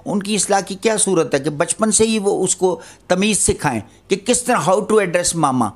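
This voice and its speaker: A man's voice: high-pitched, animated. An older man giving an earnest religious lecture, admonishing his listeners and posing rhetorical questions. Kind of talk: Islamic lecture on parenting.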